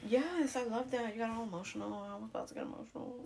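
Woman co-host, casual banter, brash and emphatic, quick to laugh and curse. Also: fairly high pitch, a crowd in the background. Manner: laughing, swearing freely, animated storytelling; jokey, emphatic, drops "period" for emphasis. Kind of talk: casual chat.

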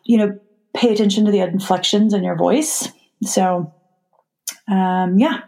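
A woman's voice: medium pitch, fairly even intonation, unhurried, dark tone. A woman who works as a designer co-hosting a business podcast, talking in a chatty way with frequent laughs and lots of "um" and "you know". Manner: chatty, laughs often, many fillers. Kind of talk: casual business podcast chat.

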